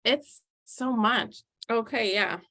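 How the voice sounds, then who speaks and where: A middle-aged woman, a doula hosting a podcast, chatting casually and telling animated stories with frequent laughs. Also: on the high side, slow. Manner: animated storyteller, laughs often.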